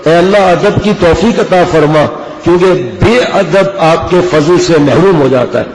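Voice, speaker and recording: A man preaching an Urdu sermon, earnest and exhorting, slowing down to chant quoted verses. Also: sits high. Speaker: religious preacher. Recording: echoey hall with long reverb.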